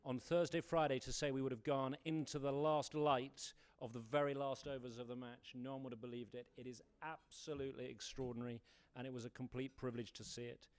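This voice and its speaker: A man's voice: mid-range voice, level tone, fairly quick, clean tone. A middle-aged man giving an enthusiastic formal dinner speech as a diplomat, with frequent ums and uhs.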